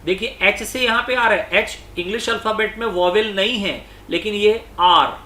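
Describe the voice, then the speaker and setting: A male teacher giving an exam-prep lecture. He explains slowly, repeats himself, and reads example sentences aloud. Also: high-pitched, bright, forceful tone, echoey room, slight background noise.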